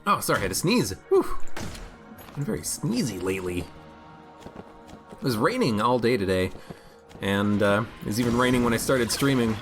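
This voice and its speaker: A slightly hoarse man gives casual commentary on a game stream, his pitch bouncing lively between high and low as he reacts. He talks in an easy, rambling, musing way at a moderate pace with frequent pauses, reads chat aloud, and the game music is clearly audible behind him.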